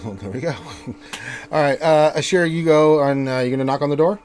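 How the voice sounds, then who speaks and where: A man's voice: on the high side, moderate pace, a little mellow, slight background noise. A man running a tabletop game as game master, narrating in an easygoing way with frequent laughs.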